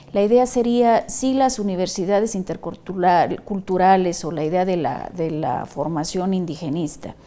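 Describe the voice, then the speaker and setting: A woman, a panel guest speaking in a measured, conciliatory way with frequent restarts. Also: lowish voice, warm tone. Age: 50s. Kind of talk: studio panel discussion.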